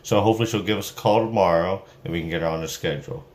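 A man's voice: low voice, very fast, darkish tone. A young man who runs a small junk removal business, talking casually to his phone camera with lots of fillers, partly from his car. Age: young adult. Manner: plain, upbeat, chatty with many fillers. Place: in a car, then in a small room at home. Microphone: phone camera at arm's length. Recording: noisy phone recording with vehicle sounds.

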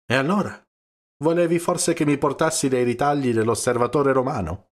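A man's voice: medium pitch, normal speed, pitched above the performer's own voice, close to an everyday voice. A man voicing a sly, unflappable village priest in an audiobook, speaking in a dry, cutting, commanding way. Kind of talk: audiobook character reading.

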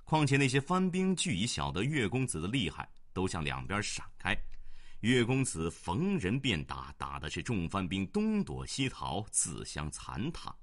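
A man's voice: low-pitched, wildly swooping pitch, normal speed. A man telling a classical Chinese war novel as a dramatic storytelling reading. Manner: dramatic, with shouted character voices.

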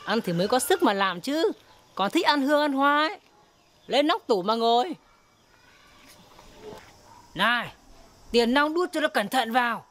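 Woman playing a brash loud-mouthed village wife. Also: fairly high pitch, very animated, measured pace, long pauses. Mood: scolding. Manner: scolding, earthy and blunt. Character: brash sharp-tongued Northern village woman, scolding and loud. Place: outdoor market street. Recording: outdoor street with crowd and traffic noise.

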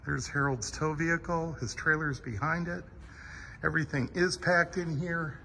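A man's voice: fairly high pitch, fairly even intonation, moderate pace, vocal fry, sharp tone, slight background noise. Enthusiastic man touring a vehicle warehouse. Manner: enthusiastic, awed. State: a bit sweaty after driving. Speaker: vlogger touring a vehicle museum. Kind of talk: casual walk-through narration. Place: large indoor vehicle warehouse.

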